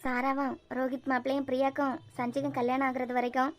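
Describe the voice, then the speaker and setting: A woman with a Kanyakumari Tamil accent voicing a calm, sensible middle-aged mother in a cartoon web series. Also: high-pitched, quick pace, heavy background noise, close to an everyday voice. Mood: confiding. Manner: soothing, matter-of-fact.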